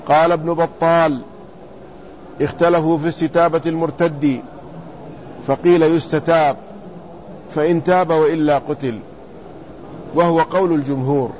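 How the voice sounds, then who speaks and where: A man teaching a lesson in classical Arabic, reading quoted commentary and then explaining it, repeating words slowly to spell out their vowels. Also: a little high, fairly even intonation, darkish tone. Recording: slightly dull lo-fi recording with faint room noise.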